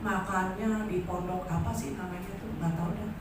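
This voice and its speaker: Woman, 60s, animated church testimony, distant mic, very reverberant hall. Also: normal speed, a little hiss or hum. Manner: animated storytelling, acts out dialogue in a higher voice. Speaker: church member giving testimony. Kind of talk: testimony at a worship service. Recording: very echoey hall, voice from far off.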